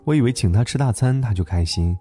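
A man hosting a late-night story program, narrating a gentle tale in a calm, tender way. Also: mid-range voice, fast talker. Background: soft instrumental music.

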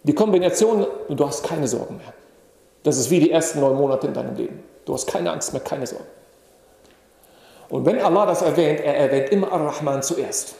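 Male preacher, slightly high voice, patient explainer, very echoey hall. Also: a little fast, vocal fry, mellow. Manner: explains patiently with questions to the audience. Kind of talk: religious lecture. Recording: echoey hall with long reverb.

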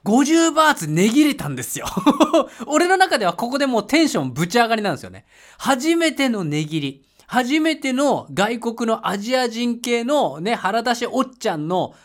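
A man host telling a casual travel story, laughing often and breaking into loud English shouts when he reenacts moments. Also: very high-pitched, big pitch swings, normal speed. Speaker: podcast host. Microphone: home mic voice message.

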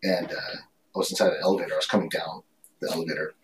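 A man's voice: deep voice, level tone, rapid-fire. A man, a coach and podcast guest, telling a self-assured story in casual chat. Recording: distant mic with faint noise.

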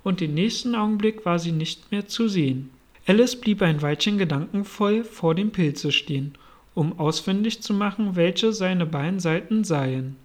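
A narrator reading a classic storybook aloud in a measured way. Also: medium pitch.

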